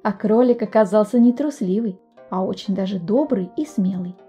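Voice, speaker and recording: Woman reading a bedtime fairy tale, gentle, warm mellow voice, quiet music behind. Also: mid-range voice, moderate pace, breathy edge. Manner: gentle, expressive, addresses the listener. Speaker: storyteller, podcast host. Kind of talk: scripted bedtime story narration.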